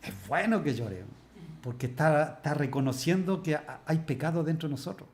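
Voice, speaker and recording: A fairly high-pitched man preaches a Bible study, posing rhetorical questions to his listeners. When he reads scripture he slows down and stresses each phrase. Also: expressive. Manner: slows down and stresses words when reading verses. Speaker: pastor.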